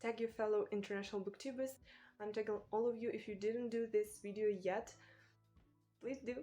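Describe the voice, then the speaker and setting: A woman from Ukraine with a Ukrainian accent, a native Ukrainian speaker, talking casually to camera as a booktuber in a thoughtful, halting way. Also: mid-range voice, fairly even intonation, faint music behind. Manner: thoughtful, halting, with small restarts and soft laughs. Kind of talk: casual vlog talk to camera.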